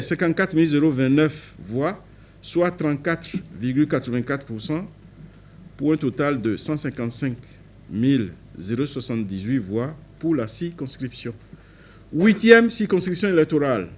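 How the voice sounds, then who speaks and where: A man's voice: a little high, a little mellow. A man from Benin reading out election results in a formal manner, stressing the party initials and correcting himself on some figures. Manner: reads numbers aloud, stressing party initials, self-corrects. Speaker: court official reading results.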